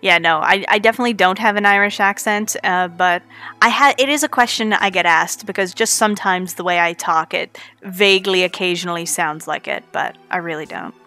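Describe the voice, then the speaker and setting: Speaking a little fast in a lowish, sharp voice, a woman jokes with chat while playfully narrating her speedrun live. Her Canadian accent carries a hint of Newfoundland, and faint music sits behind her.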